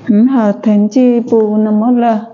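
A woman's voice: on the high side, flat delivery, measured pace, slight background noise. A woman vlogger chatting casually while talking through a face mask, laughing at herself now and then. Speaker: migrant caregiver vlogger. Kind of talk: casual vlog chat. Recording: dull lo-fi sound with loud music.

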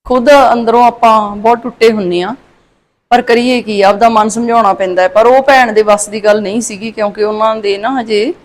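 A woman's voice: on the high side, fairly even intonation, normal speed. Sorrowful middle-aged woman vlogger. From Punjab. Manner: soft, sorrowful, consoling, with many tag questions. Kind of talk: casual heartfelt talk to viewers.

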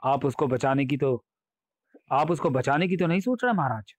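A man's voice: mid-range voice, moderate pace, no echo, lightly acted. A man voicing a cunning, cheeky courtier in a comic audiobook, full of mocking quips and nervous asides. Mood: sly. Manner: wisecracking and sly, mocking quips. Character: cunning, cheeky male courtier, sly and cowardly.

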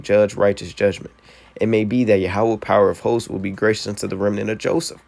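A man reading old-style Bible verses aloud and breaking them down in relaxed slang for a video, tagging lines with "man" and "so, hey". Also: fairly low pitch, vocal fry. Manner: reads King James verses then explains in street slang, "man" and "hey". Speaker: scripture teacher. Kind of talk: casual scripture breakdown video.

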